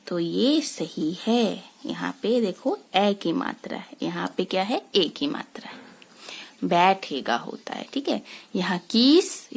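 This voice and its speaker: A woman teacher speaks slowly to young pupils. Her pitch moves a lot as she explains. Her voice is husky, with a gravelly edge. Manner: slow, patient explaining with many rhetorical questions. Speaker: school teacher. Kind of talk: recorded lesson for young children.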